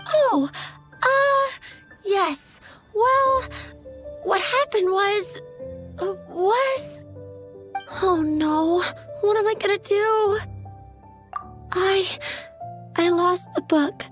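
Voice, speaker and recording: A woman's voice: very high-pitched, drawn-out words, long pauses, fairly bright tone, faint music behind, exaggerated voice. A woman playing a sweet, timid young flower shop assistant in a video game, polite and a little hesitant. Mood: flustered, upset.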